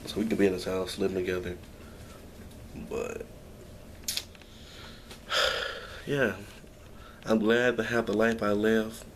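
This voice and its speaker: A young adult man vlogs from his home, talking to the camera in a wandering, dispirited way, with many sighs and restarts. His pitch is fairly low, and there is a little hiss or hum in the audio.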